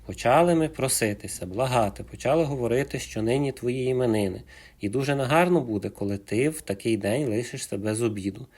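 A man voicing a small, timid but cunning male hare who speaks politely and flatteringly, with a husky voice. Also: medium pitch, a little fast, natural voice. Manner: polite, flattering, as courteous as he can.

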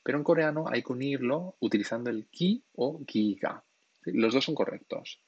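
Husky-voiced man teaching on a livestream. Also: mid-range voice, animated, normal speed, a little mellow, dry recording, lo-fi sound. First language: Spanish and Catalan. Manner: patient, explanatory, keeps checking in with "¿sí?". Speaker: Korean language teacher on a livestream. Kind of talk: live-stream lesson, reading chat questions.

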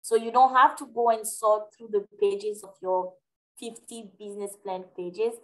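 Answering questions in a live webinar over video call, a French-accented presenter, French by native tongue, explains things warmly but hesitantly, using lots of fillers. She has a mid-range voice, a steady tone and a normal speed. The webcam audio comes through rough.

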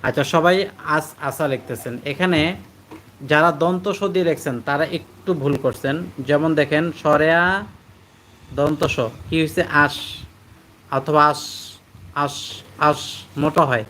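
A man teaches a live online Quran reading class in a fairly high, bright voice. He repeats letters and syllables slowly and patiently, reading out his students' answers as he goes. A faint hum sits behind him. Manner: reads out students' answers and praises them.

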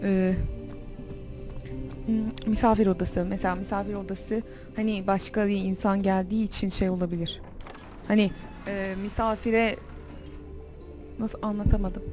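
A young woman's mid-range, darkish voice holds nearly the same pitch as she plays a horror game on facecam, speaking at a moderate pace broken by long pauses. Faint music runs behind the desk-mic recording. Her let's play commentary is jumpy, full of self-talk and frightened shrieks.

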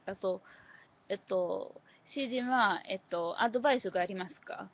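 A woman's voice: medium pitch, moderate pace. A woman from Britain, a native English speaker, talking in careful, hesitant learner's Japanese with many fillers. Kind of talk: casual chat. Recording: dull lo-fi home recording.

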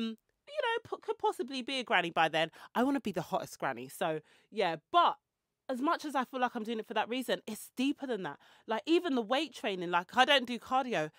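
On the high side and very animated, a woman in her forties speaks at normal speed with a fairly bright tone while hosting a podcast. Into a close-held handheld mic she chats casually, wandering into tangents and self-mocking remarks, in a small room with shelves and clothes rails. Studio-quality audio, no room sound.

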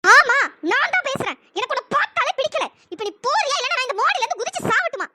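A woman doing a shrill scornful young wife. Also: big pitch swings, noisy background. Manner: fast, sharp, scornful.

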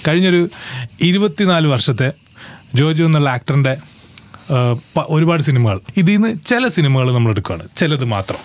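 A man from Kerala, speaking with a Keralite Malayalam accent, hosting a radio interview in an upbeat, brisk way and laughing often. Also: fairly high pitch, sing-song. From Kerala, India. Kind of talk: casual radio interview with rapid-fire questions.

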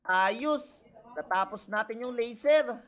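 A woman's voice: fairly high pitch, lively intonation, slow pace. A woman, encouraging her friend while they play a game together. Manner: encouraging, upbeat, laughs often. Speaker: co-host gamer. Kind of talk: playful game commentary.

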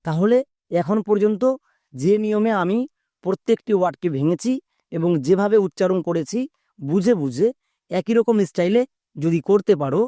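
High-voiced male teacher drilling phonics. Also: lively intonation, mellow, dry recording, studio quality. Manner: explains step by step with quick questions to the viewer. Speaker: English teacher. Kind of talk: spoken lesson on English phonics.

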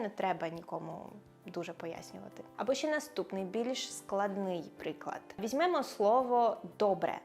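A young woman presents a scripted video grammar lesson with a teasing, ironic edge, walking through each rule step by step. Her voice sits at an ordinary middle pitch for a woman, with soft music playing faintly underneath. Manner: playful, ironic, explains step by step. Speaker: language teacher.

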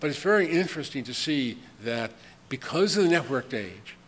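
A man's voice: medium pitch, animated, moderate pace. Older male keynote speaker, chatty and wry, at a podium mic in a big echoing hall. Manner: conversational, chuckling asides, frequent ums. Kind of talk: conference keynote lecture. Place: large conference hall with audience. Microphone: podium microphone. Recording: long hall reverb, faint room noise.

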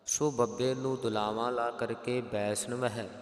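Punjabi guy teaching scripture recitation, chants slow then explains, long hall reverb. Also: medium pitch, fairly even intonation. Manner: slow, deliberate, chants verses then explains each letter. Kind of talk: Gurbani pronunciation lesson with sung recitation.

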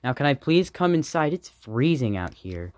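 A man's voice: medium pitch, big pitch swings, moderate pace, no room sound, natural voice. A man voicing a goofy, blunt new neighbor dad in an amateur sock puppet comedy. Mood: friendly.

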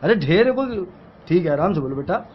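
A man's voice: high voice, sing-song, a little fast, slight background noise. A middle-aged man playing a shopkeeper in a comic phone sketch, impatient and bursting into crude swearing. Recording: dull lo-fi audio.

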